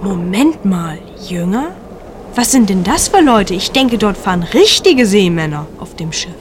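A woman's voice: mid-range voice, lively intonation, a little slow, natural voice. A woman playing a cheeky, indignant listener who questions the storyteller in a children's radio play, slangy and incredulous. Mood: cheeky, curious. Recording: clear storm noise behind voice.

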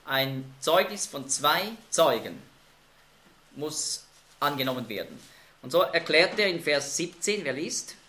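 Bible teacher, male, lively bright voice, echoey room. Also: a little high, unhurried, slight background noise. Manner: emphatic, explanatory, asks group questions.

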